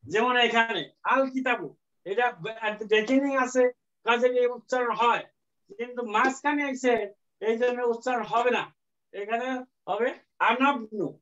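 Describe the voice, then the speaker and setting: A man teaching an Arabic lesson, explaining slowly and repetitively with many fillers and English terms mixed in. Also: very high-pitched, fairly bright tone. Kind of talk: classroom lecture. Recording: dull lo-fi sound.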